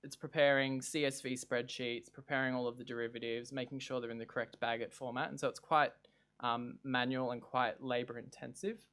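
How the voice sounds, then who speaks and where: A man presenting an informal lightning talk, explaining things in a halting way with small self-corrections. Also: mid-range voice, flat delivery, a bit bright. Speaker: presenter, digital preservation specialist.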